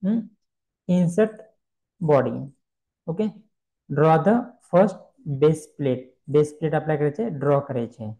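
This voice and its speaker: A man giving a screen-recorded software tutorial, explaining step by step and asking himself questions he then answers. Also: a little high, measured pace, long pauses, rough recording. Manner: explains step by step, mixing English terms, repeats questions and answers them.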